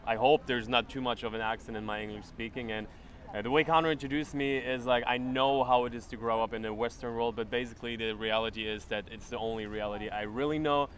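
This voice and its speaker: A young man talks casually as an interview guest, relaxed and full of fillers. He is recorded outdoors in a city, and his voice sits at an ordinary middle pitch. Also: fast talker, a little hiss or hum. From Germany. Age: 20s. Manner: relaxed and chatty, with many fillers.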